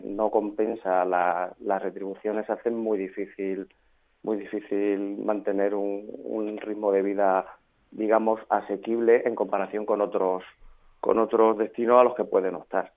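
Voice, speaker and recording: Male spokesman by phone, low-pitched, hesitant, tinny line. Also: flat delivery, measured pace. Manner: hesitant, thoughtful, many fillers. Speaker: police association spokesman. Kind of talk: radio interview answers.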